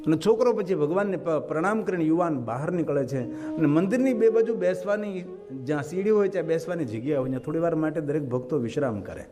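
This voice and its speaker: A man's voice: a little high, animated, fast, long reverb tail, music in the background. A man with a Gujarati accent telling a devotional story as a religious storyteller, voicing the people in the tale as he goes. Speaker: kathakar storyteller.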